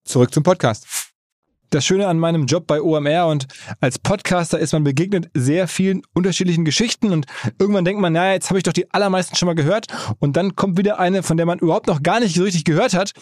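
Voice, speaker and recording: Male podcast host, quick and chatty, higher voice, dry close sound. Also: a little mellow, no echo. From Hamburg. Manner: brisk and chatty. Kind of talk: podcast intro and interview.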